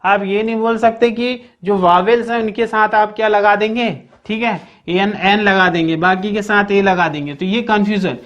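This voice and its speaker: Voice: medium pitch, fairly even intonation, a bit bright, dull audio. Teacher going over grammar rules, keeps saying okay, keep this in mind, drags out the examples. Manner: checks understanding constantly with repeated "okay, keep in mind"; slows down to spell out example sentences. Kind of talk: explaining a grammar lesson.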